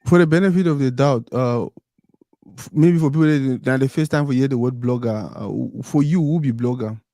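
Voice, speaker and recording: A man's voice: mid-range voice, fairly quick, mellow, no room sound. Man hosting a live chat. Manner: casual, mixes Pidgin into English. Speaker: podcast host. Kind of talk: live online interview.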